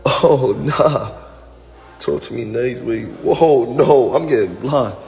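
A young man livestreams a house tour, walking between rooms of a large empty house with his phone held at arm's length. He's excitable and slangy, swearing a lot and hyping things up, though his mid-range voice moves slowly, and faint music plays behind.

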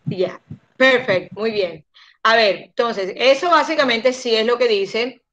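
A woman with a fairly high voice runs an English lesson over a call. She is patient and drags words out slowly when she models how they should sound. The audio comes through muffled and lo-fi. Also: a bit bright. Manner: patient, slows down to model pronunciation. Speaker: English teacher. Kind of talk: online class instruction.

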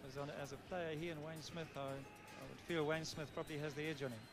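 Quick-talking man analysing rugby replays. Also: a little high, steady tone, music in the background. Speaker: color commentator. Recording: noisy broadcast audio.

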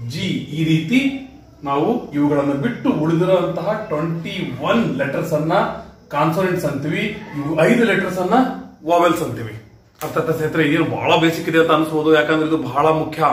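A man teaching an English lesson with a Kannada accent. He explains step by step, moves between Kannada and English and keeps checking that students understand. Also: fairly high pitch. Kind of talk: spoken classroom lesson. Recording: echoey room, distant mic.

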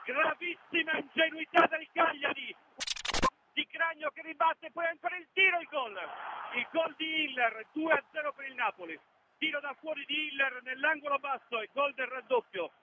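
A man giving breathless, urgent radio football commentary, bursting into shouted goal calls. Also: extremely high pitch, moderate pace. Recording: tinny phone-like line, loud stadium noise.

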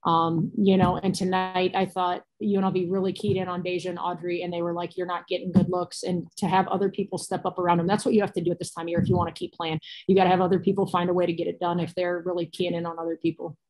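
A basketball coach in her thirties with an American accent speaks quickly, with few pauses and little pitch variation, in a lowish, somewhat mellow voice. She gives matter-of-fact, casual answers at a postgame press conference via video call, using a laptop or phone in a small cinder-block room indoors. The audio quality is poor.

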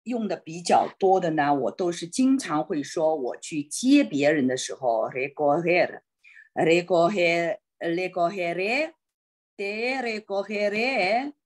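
Her low, sing-song voice is warm with a breathy edge as she runs an online Spanish lesson in Chinese over video call. She hesitates and thinks out loud, easing her pace whenever she reaches Spanish words.

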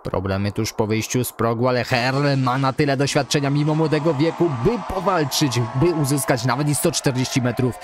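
Excitable male play-by-play commentator. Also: medium pitch, brisk, few pauses, background noise. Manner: excitable, rising loud on big jumps. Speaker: game commentator. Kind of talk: sports-style play-by-play commentary.

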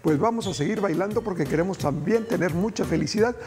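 Over background music, a quick-paced middle-aged man with a high voice presents a TV cooking demonstration in a studio kitchen. His tone is folksy, and he gently advises viewers as though they were family.

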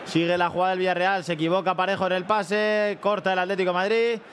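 A man doing breakneck live football commentary as play-by-play announcer, with rapid running calls and drawn-out goal cries. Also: high-pitched, flat delivery, fairly bright tone. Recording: clear background noise.

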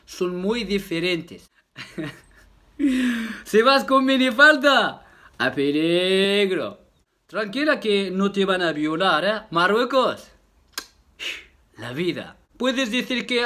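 Male vlogger, high bright voice, unhurried and jokey, laughs a lot. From Morocco. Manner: jokey, laughs often, tag questions. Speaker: YouTuber. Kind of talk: casual vlog talk to viewers.

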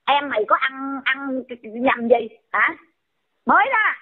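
A woman's voice: high-pitched, lively intonation, takes it slowly, breathy edge. A woman, scolding someone in a heated rant and firing off repeated insulting questions. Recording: tinny phone-line audio.

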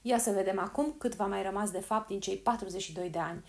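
A woman reading as a cold smooth-talking male agent. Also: medium pitch, darkish tone, natural voice. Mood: stern. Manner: smooth, calculating, coaxing. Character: cold persuasive male time-bank agent. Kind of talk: audiobook reading.

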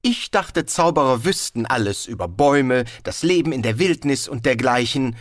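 A man's voice: high-pitched, very animated, moderate pace, no echo, studio quality, pitched above the performer's own voice. A man reading an audiobook, voicing a naive, trusting male tourist who asks eager, wide-eyed questions. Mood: curious.

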